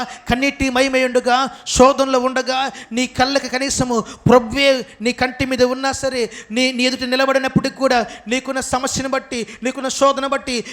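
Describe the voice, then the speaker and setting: A man pastor with a Telugu accent, preaching a sermon and calling on the congregation to answer him. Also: extremely high pitch. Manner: call-and-response preaching, asks the congregation to answer; acts out quoted lines with a rising, shouted voice.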